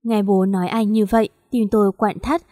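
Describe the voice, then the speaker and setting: A woman narrating a first-person story in a soft, even storytelling read. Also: mid-range voice, fairly quick, no room sound, studio quality.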